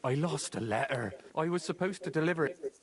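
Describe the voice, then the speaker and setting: A man's voice: on the high side, expressive, a little fast, crowd noise, lightly acted. A man playing a fretful young messenger. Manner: fretful, then brash and aggressive. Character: anxious young male messenger who lost a letter. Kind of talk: video game dialogue.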